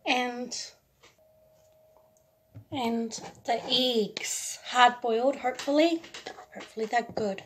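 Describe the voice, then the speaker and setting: A young adult woman chatting casually in short, halting remarks as she hosts a homemade food video at a table indoors. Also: fairly high pitch. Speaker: host of home food challenge video. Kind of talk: casual vlog chat while preparing and eating food. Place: indoors at a kitchen or dining table. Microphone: phone propped at arm's length. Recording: very noisy phone recording with clicks.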